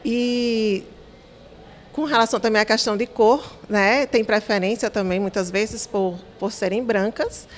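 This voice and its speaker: A woman's voice: mid-range voice, fairly even intonation, measured pace, slight background noise. A woman with a Brazilian accent giving an unscripted, somewhat hesitant explanation in an interview.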